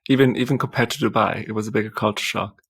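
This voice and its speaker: A man's voice: on the low side, fairly even intonation, very fast, vocal fry, slightly rough, no room sound. A man hosting a casual podcast interview, asking questions hesitantly and repeating words. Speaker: podcast host.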